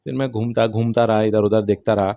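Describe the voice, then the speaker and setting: A man giving a personal testimony in an animated way, acting out the dialogue. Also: on the low side, a little fast, muffled recording. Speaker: testimony speaker.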